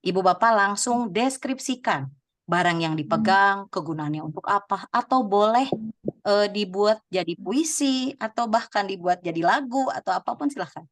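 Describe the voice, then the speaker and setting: A woman's voice: mid-range voice, animated, normal speed, no echo, clean studio sound. A woman giving a webinar to teachers over a video call, chatty and laughing often as she calls on participants by name. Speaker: webinar presenter. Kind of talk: lively teaching talk to teachers.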